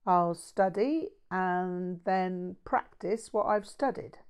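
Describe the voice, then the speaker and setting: A woman's voice: lowish voice, takes it slowly, a little mellow, clean tone. A woman voicing a mild, erudite, earnest Buddhist man in an audiobook story, speaking in a precise, bookish way.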